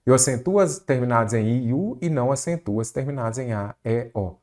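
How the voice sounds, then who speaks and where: A man's voice: mid-range voice, a little fast, a little mellow. A man with a Brazilian Portuguese accent teaching an exam-prep grammar lesson, quizzing the listener with rhetorical questions.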